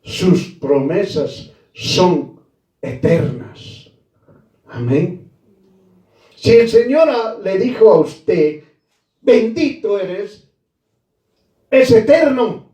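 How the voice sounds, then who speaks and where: A man preaching a sermon slowly and emphatically, repeating key phrases and calling his listeners brother. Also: sits high, sing-song, dark tone, roomy sound, recorded from a distance.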